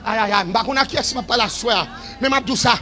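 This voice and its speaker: A man preaching a revival sermon in a shouted, sing-song style that falls to quieter stretches. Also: very high-pitched, quick pace.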